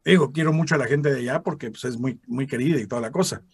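Fast and mid-range with a breathy edge, a man with a Mexican Spanish accent shares stories in a casual interview. Drawing on his past as a radio announcer and voice actor, he animatedly voices the people he quotes. No room sound is audible.

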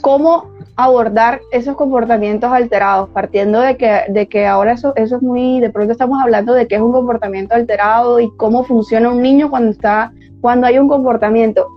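Higher-voiced woman host asking questions. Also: fairly even intonation, a little fast, hardly any pauses. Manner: asks questions, sums up and agrees. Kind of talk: interview questions and chat. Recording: dull lo-fi audio with faint music.

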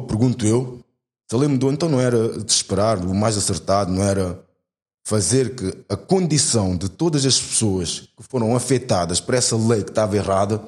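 A man's voice: on the low side, darkish tone. Heartfelt young man. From Portugal. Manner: heartfelt, argumentative, slangy. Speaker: guest. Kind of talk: earnest conversation.

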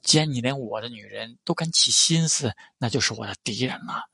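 A man voicing a calm, ruthless tycoon. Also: medium pitch, a little fast, gravelly, slightly rough, dry recording, studio quality, heavily acted. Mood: cold menace. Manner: calm, quietly menacing. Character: cold, ruthless powerful young tycoon, man.

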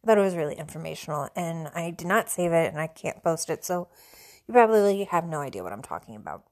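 A woman from the central United States hosting a casual solo podcast, sounding stuffy and a little hoarse, rambling and self-deprecating. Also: sits low, lively intonation, quick pace, a little mellow. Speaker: podcast host.

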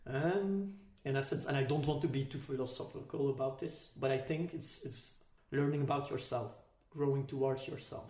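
A podcast guest thinks aloud in a casual, reflective conversation, sounding tentative and philosophical as he searches for words. His mid-range voice has a darkish tone, moving at a moderate pace with hardly any pauses, and the recording is echoey and roomy.

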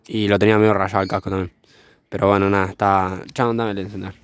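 A man's voice: deep voice, level tone, quick pace, clear, resonant tone, no room sound. Slangy young guy telling a story. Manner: rambling, slangy, swears freely, laughs often. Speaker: vlogger. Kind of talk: casual storytelling chat. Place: outdoors by a fire.

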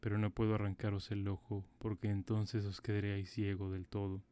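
A man's voice: lowish voice, completely flat delivery, brisk, dark tone, clean tone, close to an everyday voice. Kind-hearted little swallow, read by a man. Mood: devoted.

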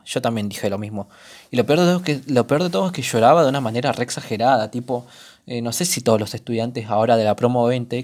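A man's voice: mid-range voice, a little mellow. Young Rioplatense man, solo podcast host, casual, swears offhand, middle-range voice. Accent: Rioplatense Spanish. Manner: chatty, rambling, swears casually.

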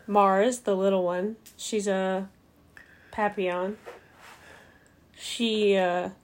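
A woman's voice: medium pitch, steady tone, extremely slow, slight background noise. A woman co-hosting a casual comedy podcast, chatty and laughing as she tells stories about her pets. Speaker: podcast co-host.

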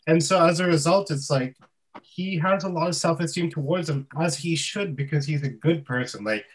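A man's voice: on the high side, moderate pace, low-quality recording. A man co-hosting a casual chat, talking in an earnest, reflective way. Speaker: podcast co-host.

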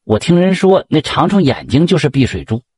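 A man voicing a gentle, kind-hearted poor village wife in a folk tale, with a husky voice. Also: on the high side, sing-song, brisk, dry recording, pitched above the performer's own voice.

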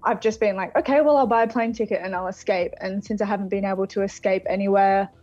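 A woman's voice: medium pitch, steady tone, fast, a little mellow, no room sound. A woman with an Australian accent chatting casually and reflectively as a singer being interviewed over a video call. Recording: phone-like thin sound of video call.

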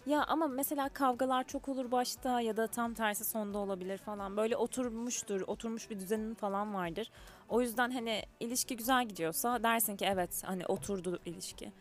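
A woman's voice: fairly high pitch, quick pace. A woman co-hosting a casual radio chat in a playful, teasing manner.

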